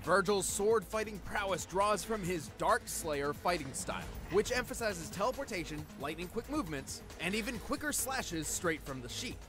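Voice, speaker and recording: A man's voice: high voice, animated, normal speed, hardly any pauses. A man playing an earnest, nerdy scientist co-host, giving precise scripted analysis. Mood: dramatic, explanatory. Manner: precise, explanatory. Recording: voice over background music.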